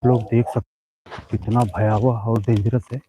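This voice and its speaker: A man hosting a comic live ghost-hunt vlog, repeating urgent warnings to stay back and slipping in quick pleas to like and subscribe. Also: medium pitch, level tone, highs cut off, very noisy. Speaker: host of a comic ghost-hunting show.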